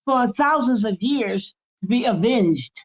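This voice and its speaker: A woman's voice: a little high, lively intonation, a little slow, highs cut off. An older woman co-hosting a spiritual talk show, speaking in an impassioned, pleading and repetitive way. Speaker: co-host.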